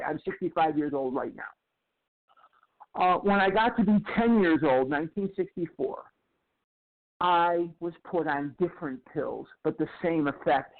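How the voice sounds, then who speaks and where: Man in his sixties, tinny phone-like sound. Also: fairly high pitch. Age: 60s. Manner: candid, emphatic storytelling with repeated phrases. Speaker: recovery speaker. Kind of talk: personal recovery share.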